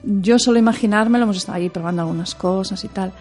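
Expressive woman singer in interview, medium pitch, faint music underneath. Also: very fast. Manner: expressive, animated storyteller with laughs. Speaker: opera singer and performer. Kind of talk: interview conversation.

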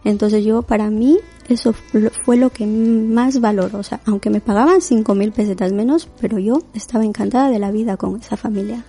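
A woman's voice: a little high, steady tone, a little fast, hardly any pauses, warm tone, slightly rough, faint music behind. A Latin American woman in her forties, a domestic worker, telling her story in an interview, reflective and full of restarts. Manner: reflective, many restarts and fillers. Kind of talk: conversational interview.

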